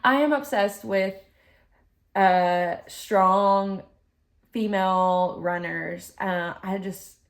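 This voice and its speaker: A woman's voice: mid-range voice, drawn-out words. A woman chatting casually and a little giggly in a rambling fitness vlog, like a group fitness instructor talking to her followers. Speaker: fitness vlogger.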